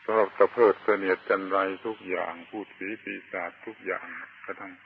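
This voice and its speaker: A man preaching a Buddhist sermon, slow and deliberate, pausing often and stressing key words. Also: deep voice, fairly even intonation, gravelly, phone-quality sound, a little hiss or hum. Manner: slow and deliberate, with long pauses and emphatic chanted words. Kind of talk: Dharma sermon.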